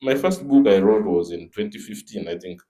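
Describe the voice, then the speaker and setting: A man with a Kenyan accent, a comic artist guest speaking in a panel discussion in a measured, plainspoken way. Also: on the low side, animated, mellow.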